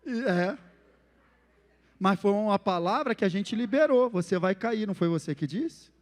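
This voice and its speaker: A man with a Brazilian Portuguese accent preaching a sermon as pastor, animated and acting out the phrases he quotes. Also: high voice, normal speed, long reverb tail.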